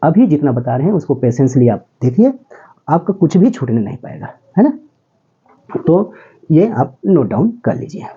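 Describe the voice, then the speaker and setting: A man's voice: on the high side, big pitch swings, moderate pace, slightly rough, narrow, tinny audio. A man teaching English grammar step by step, often asking his students if they follow and calling them "beta". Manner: explains step by step, often checks with "ठीक है?". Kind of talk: classroom lesson.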